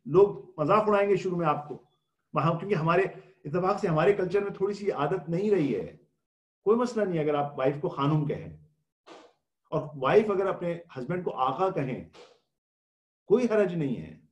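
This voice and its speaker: Man, religious lecture, fairly high voice, rhetorical questions, explanatory, English words mixed in. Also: expressive, echoey room, highs cut off. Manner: explanatory, asks rhetorical questions and answers them; mixes English words into speech. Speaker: religious scholar giving a Ramadan talk.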